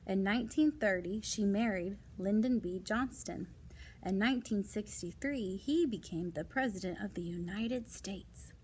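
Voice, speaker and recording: A woman with a mid-range, somewhat dark voice reads non-fiction picture books aloud to young children at an unhurried pace, with a slight hiss or hum audible. She adds casual asides and simple explanations, and asks her listeners questions.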